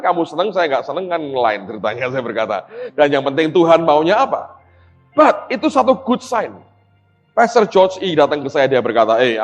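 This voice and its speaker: A middle-aged man preaching a sermon, telling stories and acting out conversations while addressing the congregation directly. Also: a little high. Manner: animated storytelling, acts out dialogue, addresses audience as "saudara". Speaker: pastor. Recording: dull sound in a reverberant hall.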